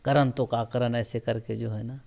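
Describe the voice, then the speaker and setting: A man with a Chhattisgarhi accent telling a local folk legend in a casual, animated way, often filling with "jo hai na". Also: mid-range voice, moderate pace, gravelly. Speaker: storyteller guest.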